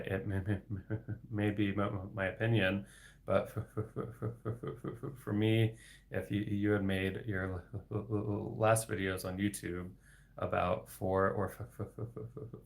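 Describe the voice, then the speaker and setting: This young livestream host has a low-leaning, creaky voice and reads out viewer questions alone on a casual stream. His speech carries a heavy stutter full of sound repetitions and blocks, and he laughs softly now and then.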